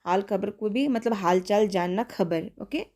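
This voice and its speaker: Woman primary teacher, mid-pitched voice, unhurried lesson-style delivery, quizzing and answering herself. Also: warm tone. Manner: slow, carefully spelled-out pronunciation drills; asks questions and answers them herself. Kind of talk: online classroom lesson for young children.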